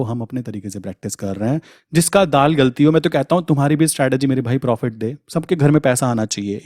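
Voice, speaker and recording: A man's voice: mid-range voice, darkish tone, dry recording, clean studio sound. A man giving a casual, conversational trading lesson to viewers, often calling them brother. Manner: conversational, addresses viewers as brother, frequent "thik". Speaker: trading educator.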